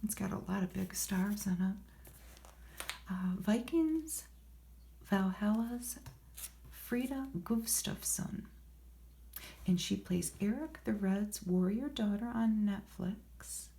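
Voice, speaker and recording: A woman speaking in a soft, hushed, often whispered ASMR voice, reading from a magazine with unhurried, murmured, rambling asides to herself. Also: medium pitch, expressive, vocal fry, slight background noise. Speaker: ASMR host. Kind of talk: soft-spoken ASMR magazine read-through with casual commentary.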